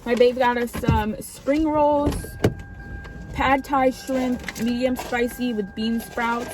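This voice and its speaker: A woman's voice: a little high, fairly even intonation, slow pace, noisy background. A woman chatting playfully in a casual mukbang vlog, recorded inside a car. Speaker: vlogger. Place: parked car.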